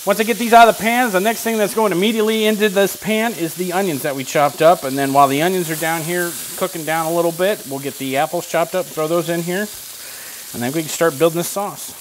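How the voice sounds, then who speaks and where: A man's voice: a little high, fast talker, slight background noise. Chatty man hosting a home cooking show. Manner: chatty, joking asides while explaining steps. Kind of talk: casual cooking demonstration. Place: home kitchen.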